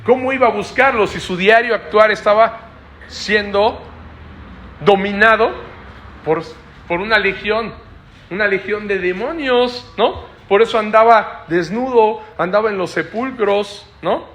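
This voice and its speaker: Male preacher, high bright voice, teaching style with frequent rhetorical tags. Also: a little slow, a little hiss or hum. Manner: explanatory, asks listeners frequent rhetorical checks. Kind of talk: Bible study preaching.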